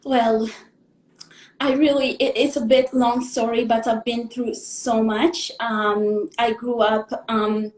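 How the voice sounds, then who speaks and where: Appearing as a guest in a live interview, a young woman from the Democratic Republic of the Congo tells her life story earnestly and haltingly, pausing to gather her thoughts. Her voice is a little high, level and slightly mellow, and the sound is roomy.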